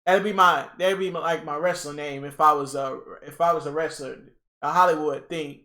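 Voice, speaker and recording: Excitable high-voiced young man streaming. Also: moderate pace. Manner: excitable, rambling, repeats himself, talks to chat. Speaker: livestream host. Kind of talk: casual live reaction chat.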